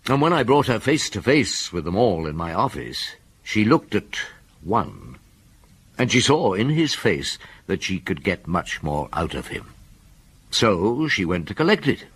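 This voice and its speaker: An actor playing a shrewd, dogged middle-aged police inspector in a radio drama, measured and dryly polite as he probes. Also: on the low side, sing-song, a bit bright, breathy edge, heavily acted. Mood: reflective narrating.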